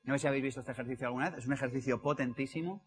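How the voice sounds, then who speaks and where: A man's voice: medium pitch, rapid-fire, background noise. A young man from Spain gives a live motivational talk, telling stories and asking the audience questions. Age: young adult. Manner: lively storytelling, asks the audience questions. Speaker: motivational speaker.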